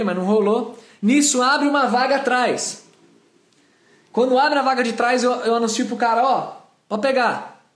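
A Brazilian man in his thirties, with a high-pitched, slightly bright voice and a Brazilian Portuguese accent, preaches a storytelling sermon that includes a confession. He tells a personal story, acting out scenes and adding sound effects, in a roomy, echoing space.

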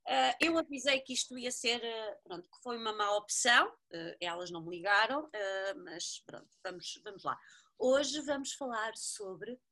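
A woman's voice: on the high side, lively intonation, normal speed, bright, forceful tone. A woman with a European Portuguese accent moderating a casual podcast chat, hesitant and often laughing. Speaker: podcast co-host, moderator of this episode.

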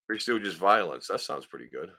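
Deep, animated, sweary male podcast host. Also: normal speed, creaky. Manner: sweary, slangy, rambling. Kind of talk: casual chat, reacting to clips.

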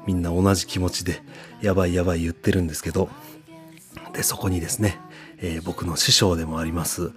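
A man hosting a casual solo radio show, talking in a relaxed, chatty way and often pausing on "um". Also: low-pitched, faint music behind. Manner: relaxed and chatty, frequent "um" fillers. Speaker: podcast radio host. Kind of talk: casual solo radio talk answering a listener letter.

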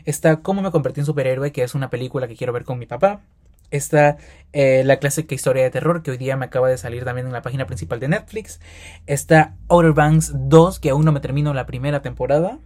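Fast-talking young man ranting casually. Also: medium pitch. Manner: fast, animated rambling with slang and self-corrections. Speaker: podcast host. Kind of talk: casual solo podcast monologue.

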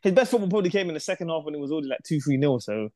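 A man with a London roadman accent in casual podcast banter. He talks fast in a fairly high voice, full of street slang and swearing, with a dry, close sound. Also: lively intonation, darkish tone, no room sound. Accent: London, urban street slang. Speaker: football podcast panellist. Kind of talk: casual chat, football banter.

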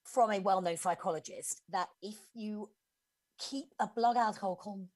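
A woman's voice: medium pitch, moderate pace, darkish tone. A woman in her forties, co-hosting a casual podcast and explaining a film's plot in a chatty way, with frequent restarts. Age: 40s. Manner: chatty, restarts often, explains plots in detail. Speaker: film reviewer co-host. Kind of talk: casual podcast film review.

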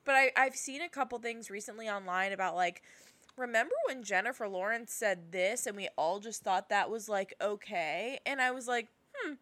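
Bright, gushing young woman podcaster. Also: medium pitch, moderate pace. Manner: gushing, animated, lots of "like" fillers. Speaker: podcast co-host. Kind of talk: casual chat.

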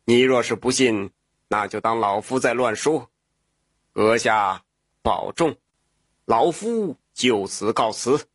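A man voicing an old yellow weasel spirit who appears as a calm, kindly old man, speaking in slow, measured, courteous old-fashioned phrases. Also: medium pitch, no room sound, studio quality, pitched below the performer's own voice. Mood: solemn. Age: older.

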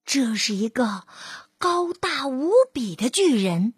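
A woman narrating a children's storybook in an expressive, drawn-out manner. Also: fairly high pitch, breathy edge, dry recording, clean studio sound.

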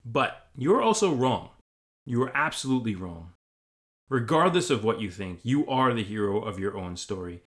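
A man's voice: mid-range voice, big pitch swings, normal speed, a bit bright. An American man hosting a podcast with scripted comedic narration in a wry, tongue-in-cheek manner. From United States.

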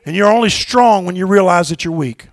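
A man preaching a sermon as pastor in a church, swinging from shouted exhortations to low, quiet asides and leading call-and-response with his congregation. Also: brisk, dry recording, studio quality. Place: church sanctuary.

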